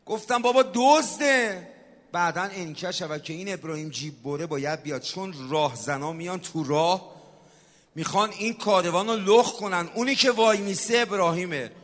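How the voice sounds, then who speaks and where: A man preaching a sermon, swinging from shouted exhortation to soft, hushed storytelling. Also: high-pitched. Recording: long hall reverb.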